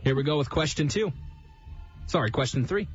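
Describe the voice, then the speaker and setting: Male radio contest host, high-pitched and swooping, chatty game-show energy over a music bed. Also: lively intonation, fairly quick, slightly rough. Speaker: radio host running a phone-in prize contest. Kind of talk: upbeat radio contest hosting. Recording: dull radio broadcast, music behind.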